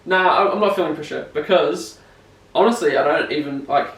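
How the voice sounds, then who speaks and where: A man's voice: fairly high pitch, brisk. Rambling young Kiwi guy with a broad accent. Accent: broad New Zealand. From New Zealand. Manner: rambling, slangy, self-deprecating. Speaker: BMX rider being interviewed. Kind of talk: casual chat. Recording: echoey room, distant mic, faint noise.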